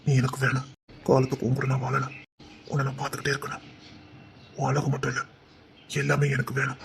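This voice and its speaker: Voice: medium pitch, fast, a little hiss or hum, lightly acted. A performer playing a cocky young village man who is smitten, speaking with a Tirunelveli Tamil accent in a teasing, swaggering way. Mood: longing. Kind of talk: amateur drama skit.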